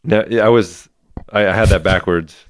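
A man's voice: lowish voice, steady tone, moderate pace. A man in a casual podcast chat, talking bluntly and offhand with casual swearing.

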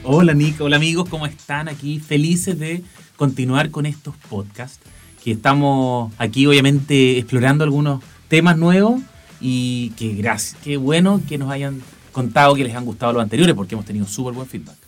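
Chilean man in relaxed podcast chat, mid-pitched. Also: moderate pace, faint music behind. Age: 40s. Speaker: podcast co-host. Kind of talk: casual chat, anecdotes.

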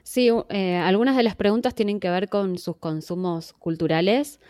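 A woman with an Argentine Spanish accent, a podcast survey organizer appearing as an interview guest, explains things patiently in a measured way with many fillers and "¿no?" tags. Her mid-range voice has a darkish tone, recorded dry with clean studio sound.

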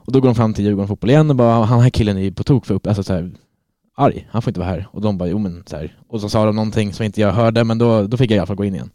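A man's voice: on the low side, dark tone, no room sound, clean studio sound. A man on a football podcast, telling a long story in casual chat and swearing freely. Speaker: podcast co-host.

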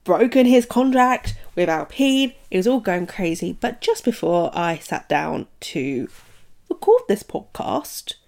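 A woman's voice: medium pitch, big pitch swings, unhurried, vocal fry, darkish tone. Chatty woman podcast host. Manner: chatty, many fillers like "um" and "like". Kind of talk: casual solo podcast commentary.

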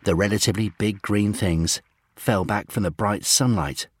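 A man reading a children's space adventure aloud in steady, gently dramatic storybook narration. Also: fairly low pitch, moderate pace, husky, no room sound.

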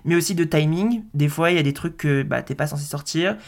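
A woman's voice: deep voice, brisk, vocal fry. A woman in her twenties hosting her own audio note, talking casually and chattily with many fillers. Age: 20s. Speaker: podcast host.

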